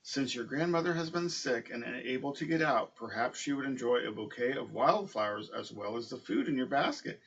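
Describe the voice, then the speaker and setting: A man voicing a sly, hungry male wolf in a storybook, with smooth, scheming talk. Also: mid-range voice, brisk, few pauses, a bit bright, recorded from a distance, highs cut off.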